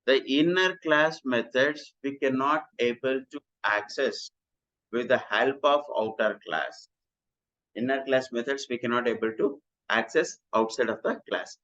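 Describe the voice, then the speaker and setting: A man's voice: medium pitch, unhurried, muffled recording. Man teaching code, repeating his points. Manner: repetitive, steady explaining, often restates lines. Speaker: programming instructor. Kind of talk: recorded coding lecture.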